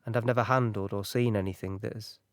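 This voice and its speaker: An actor playing a young British signaller recounting a beach landing in an audio drama, halting and shaken. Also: male voice, fairly low pitch, steady tone, dry recording, studio quality, lightly acted. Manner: halting, shaken, recalling horror in present tense.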